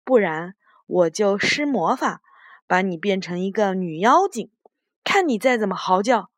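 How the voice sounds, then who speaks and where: A woman voicing a hot-tempered, bossy male magician who shouts his orders in a children's story. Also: medium pitch, expressive, measured pace, no room sound, clean studio sound, close to an everyday voice. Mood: angry.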